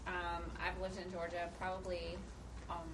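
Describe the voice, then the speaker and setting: A woman's voice: fairly low pitch, monotone, normal speed, distant mic. A woman from Pennsylvania introducing herself to a group, hesitant with many ums. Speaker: church group member. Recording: noisy background.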